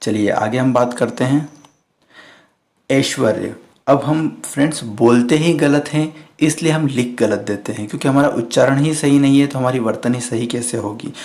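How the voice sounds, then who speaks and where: A man's voice: medium pitch, normal speed, a little mellow. A man teaching Hindi spelling for exam students, who asks and answers his own questions and keeps checking in with a repeated "okay".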